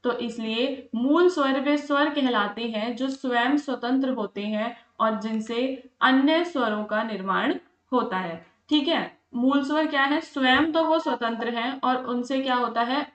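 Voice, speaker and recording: A woman's voice: fairly high pitch, measured pace, hardly any pauses. A woman tutoring for an exam, explaining patiently, repeating points and asking checking questions as she goes. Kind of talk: explaining lesson, mixing Hindi with English. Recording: roomy lo-fi recording.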